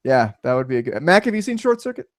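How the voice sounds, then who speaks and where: A man in his thirties co-hosting a casual movie-review podcast, rambling and animated, laughing often. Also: medium pitch, quick pace, no echo, studio quality. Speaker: podcast co-host.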